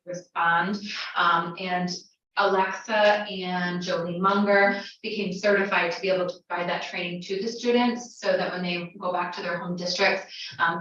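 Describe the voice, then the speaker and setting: Woman legislator, lowish monotone report, businesslike, echoey room. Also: slight background noise. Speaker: legislator giving a committee report. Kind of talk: formal meeting report. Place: county legislature meeting room. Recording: dull, echoey chamber audio from a distant mic.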